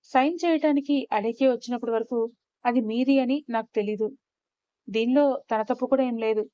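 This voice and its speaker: A woman's voice: on the high side, mellow, dry recording, natural voice. A woman voicing a tipsy, irritated young male manager who talks bluntly and with exasperation, in a story reading. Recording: slightly dull, muffled recording.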